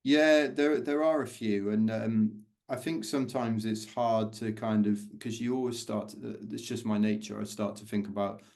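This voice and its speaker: Low creaky-voiced London man telling stories. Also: moderate pace, few pauses. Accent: London English. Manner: animated anecdotes, acts out quoted voices, laughs often. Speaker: podcast guest, ultra endurance runner. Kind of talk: casual storytelling interview.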